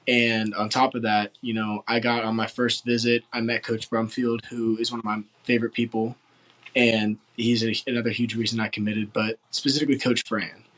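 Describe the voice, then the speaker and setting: A man's voice: medium pitch, flat delivery, normal speed, a bit bright, rough recording. A man in his late teens from West Virginia, answering interview questions in an earnest, rambling way full of filler words. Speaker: football recruit interviewee.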